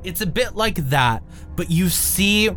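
Acting as game master for a tabletop game, a man narrates scenes haltingly, pausing and drawing out words while faint music plays. His voice is slightly high and a bit bright, with lively intonation.

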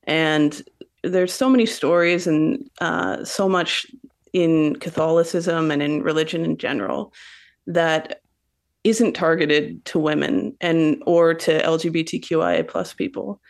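A Canadian woman, a poet and novelist appearing as a guest, speaks thoughtfully in an interview and reads poetry. Her voice is low-pitched, expressive, and creaky, with a measured pace.

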